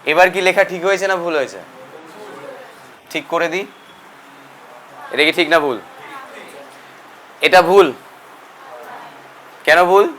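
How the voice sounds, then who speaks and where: Bright high-voiced male physics teacher. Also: a little slow, long pauses, a little hiss or hum. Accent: Bengali. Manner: mixes Bengali and English, quizzes students. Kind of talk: classroom lecture.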